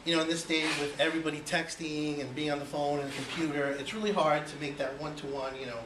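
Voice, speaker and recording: A fairly high-pitched man with fairly even intonation talks at a quick pace. Born in Cuba and in his forties, he's delivering a personal icebreaker speech in a chatty way, with plenty of you-knows and rhetorical questions. The sound is noisy and echoey, his voice distant.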